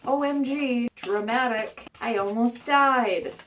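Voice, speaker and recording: In her bathroom, a slightly stuffed-up woman chats her way through a casual how-to vlog, slow and a little high in pitch, her tone fairly bright. She meanders with fillers and self-deprecating asides, with slight background noise.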